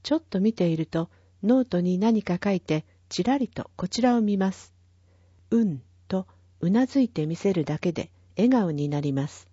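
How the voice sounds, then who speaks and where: A woman's voice: on the low side, expressive, moderate pace, hardly any pauses, warm tone, slightly rough, no room sound. A woman reading a town newsletter aloud, carefully and evenly, spelling out numbers and addresses digit by digit. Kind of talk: slow, careful read-aloud of a printed bulletin. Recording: dull, lo-fi and dry.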